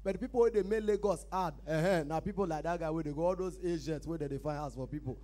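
A man with a Nigerian Pidgin accent doing a loud, chatty stand-up set on a live stage, calling out to the crowd as he tells his stories. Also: on the high side, quick pace. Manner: loud, chatty storytelling with crowd call-outs. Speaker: stand-up comedian.

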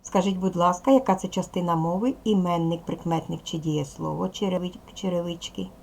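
A woman teaching a video language lesson to young children, patient and slow, asking questions and waiting for answers. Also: lowish voice, gravelly, a little mellow, slight background noise. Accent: Ukrainian. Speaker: primary school teacher.

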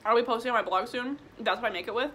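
A twenty-year-old woman from Illinois, vlogging from a small room at home, eats and answers viewer questions in a casual mukbang Q&A. Her fairly high, fairly bright voice comes out rapid-fire, with slight background noise. She's chatty and full of "like" and "um."

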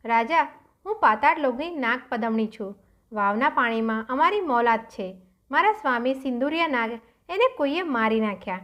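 A grieving serpent queen of the underworld laments in a high, light voice, as a woman narrator puts her on. The telling is plain storybook reading. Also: lively intonation, normal speed, a bit bright.

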